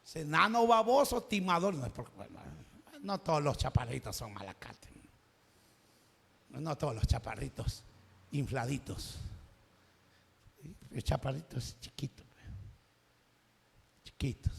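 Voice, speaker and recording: A man preaching an evangelical sermon in a church, impassioned and often shouting as he tells the story. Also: medium pitch, lively intonation, measured pace, gravelly, pauses often, in a large hall, slight background noise. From El Salvador.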